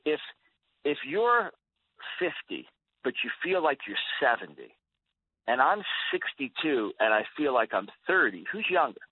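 A man's voice: medium pitch, huge pitch swings, unhurried, slightly rough. A man in his sixties talking as a guest on a radio interview, earnest and emphatic, often repeating words as he starts a thought. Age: 60s. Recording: tinny phone-line radio audio, dry.

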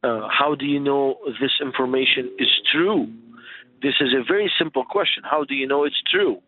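A man whose first language isn't English teaches conversationally as a radio guest, posing rhetorical questions in English as a second language. His voice is medium-pitched and moderately paced, heard over a narrow, tinny, phone-like line.

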